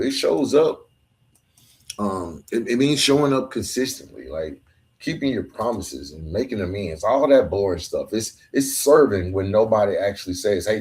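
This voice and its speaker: At normal speed, a man with a fairly low, darkish voice and big pitch swings hosts a podcast. He gives an earnest, emphatic, colloquial motivational monologue on his own, sometimes tripping over his words.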